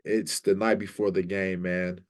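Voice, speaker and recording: A low-voiced man hosts his own sports fan vlog. He rambles casually and eagerly, dropping "man" and "like" into nearly every thought. His deep tone stays relaxed even when he gets excited. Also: a little slow. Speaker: sports fan channel host.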